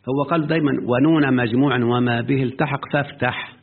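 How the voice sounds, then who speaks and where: Here the grammar teacher's voice is mid-range, husky, and steady in tone, with an Egyptian Arabic accent. Questions to the student come often as he explains, and his quoting is drawn out, all heard through a tinny, lo-fi, phone-like line.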